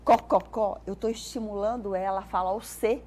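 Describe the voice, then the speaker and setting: A woman's voice: mid-range voice, brisk, slight background noise. Brazilian woman explaining patiently. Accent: Brazilian Portuguese. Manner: explanatory, animated when acting out sounds for children. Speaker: speech therapist guest. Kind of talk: TV morning show interview.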